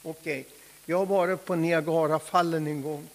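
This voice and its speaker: A man preaching a fervent Pentecostal sermon, swinging from hushed asides to loud shouts. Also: on the high side, fairly even intonation. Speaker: pastor. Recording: long hall reverb.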